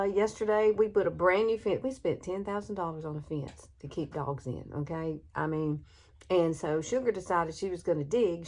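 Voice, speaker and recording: In a mid-range, slightly mellow voice, a Southern US woman in her sixties chats her way through a makeup tutorial. She's a beauty vlogger with a folksy manner who laughs often, filming on her phone in her bedroom at home with no external mic.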